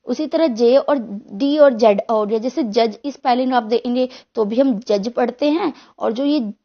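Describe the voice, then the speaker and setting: A woman's voice: a little high, a little slow, muffled recording. A woman teacher giving an online exam-prep lecture, explaining step by step and answering her own questions.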